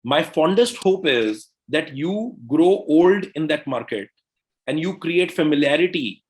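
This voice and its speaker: Animated man telling business stories. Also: fairly high pitch. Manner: animated, fast bursts, frequent "right?" and "you know". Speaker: co-founder and CEO, podcast guest. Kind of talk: conversational interview storytelling.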